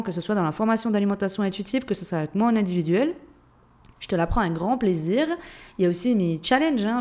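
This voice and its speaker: This podcast host and mindset coach, a woman with a Swiss French accent from the Jura, chats informally and directly with listeners on her solo show. Her voice sits at a medium pitch with a darkish tone.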